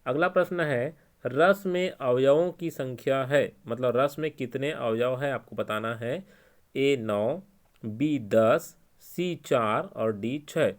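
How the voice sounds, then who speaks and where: A man's voice: mid-range voice, takes it slowly. Casting: man, Chhattisgarhi Hindi accent, exam-prep teacher, patient and repetitive. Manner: explains step by step, repeating key answers.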